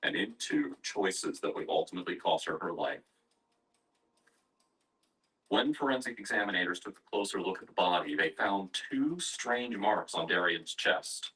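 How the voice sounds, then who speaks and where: A man narrates a true-crime story in a measured, grave tone. His voice sits a little low but sounds bright and clear in tone. The recording is picked up from a distance. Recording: distant, heard from afar.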